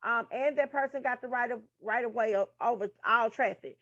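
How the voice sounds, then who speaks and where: A woman's voice: on the high side, fairly quick, fairly bright tone, dry recording. A woman teaching nursing material in a casual, frank style, full of profane asides to her listeners. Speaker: nursing tutor. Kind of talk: casual study lesson. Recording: dull lo-fi sound.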